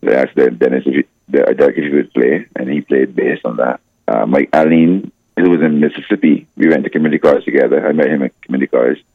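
An older man with a very low, deep morning voice, calling in as a guest on a radio show. He rambles through his story and restarts often. The call sounds dull and dry, as if it came over a phone line. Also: fairly even intonation, fast, hardly any pauses, no echo. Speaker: guest musician.

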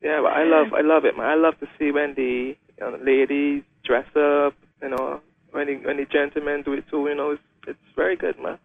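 Young guy, halting radio guest, steady monotone, phone-line sound. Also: fairly high pitch. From Guyana. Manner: hesitant, many "um"s and restarts. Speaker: Paralympic wheelchair racer, guest. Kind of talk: casual radio interview.

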